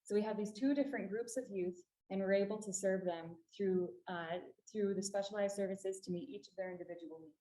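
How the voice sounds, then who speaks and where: A woman of middle pitch gives an earnest, explanatory public talk, pressing hard on the points that matter most. Her voice carries the bounce of an echoey meeting room. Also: fairly even intonation, brisk, hardly any pauses, dark tone. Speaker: refugee services staff presenter. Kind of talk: public talk to a library audience.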